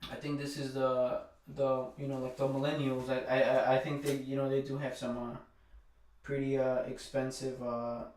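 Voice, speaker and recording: A man co-hosting a casual podcast chat, easygoing and halting, repeating himself as he works out his point. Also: medium pitch, little pitch movement, a little mellow, very echoey, far from the mic, slight background noise, poor audio. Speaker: podcast co-host.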